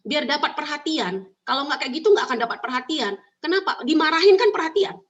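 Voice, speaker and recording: A woman with a slightly high voice gives parenting advice in an emphatic, animated way and hammers home her key points. The recording is muffled and lo-fi. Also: fast talker. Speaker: parenting speaker. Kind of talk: advice talk answering questions.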